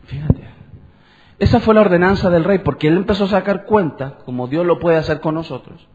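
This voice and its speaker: A pastor, preaching conversationally and asking the congregation questions. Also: male voice, sits high, fairly quick, darkish tone. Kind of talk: sermon. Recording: dull lo-fi church recording.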